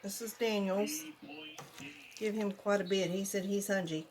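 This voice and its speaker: A woman's voice: medium pitch, steady tone, a little slow, darkish tone, slight background noise. A middle-aged or older woman, chatting casually and folksily to viewers as she demonstrates home cooking. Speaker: home cook vlogger.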